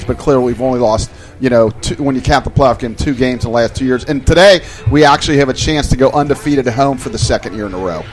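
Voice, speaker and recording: A man giving color commentary on a college football radio broadcast, talking in loose, conversational sentences full of "you know". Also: mid-range voice. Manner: conversational, rambling with fillers.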